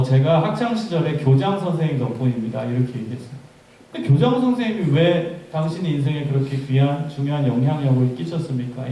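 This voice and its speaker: A man preaching a lively youth sermon as a pastor, joking with the congregation. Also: fairly high pitch. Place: church hall. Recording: echoey hall recorded from far off.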